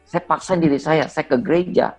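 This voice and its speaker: A man's voice: a little high, normal speed, faint music behind. A man around forty, a pastor, giving an earnest personal testimony in conversation, speaking emphatically with a slight stammer. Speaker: pastor, guest.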